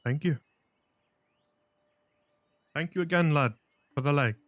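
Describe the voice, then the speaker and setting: A man's voice: a little high, takes it slowly, dry recording, clean studio sound, pitched above the performer's own voice. A man voicing a grateful, cautious lumberjack villager with folksy wording in a tabletop game.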